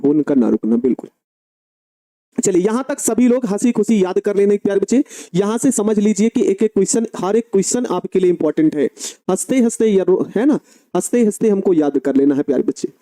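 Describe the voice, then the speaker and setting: A man teaching an online chemistry class fondly calls his students dear children as he slowly dictates notes, repeating phrases. His voice is high, expressive and mellow, with no echo.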